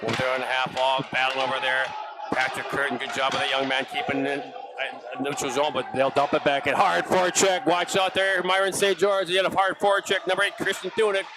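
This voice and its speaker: A middle-aged man calling live hockey play-by-play, with excitable calls that jump high on big saves. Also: a little fast. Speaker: play-by-play announcer. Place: ice arena broadcast booth. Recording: noisy arena stream.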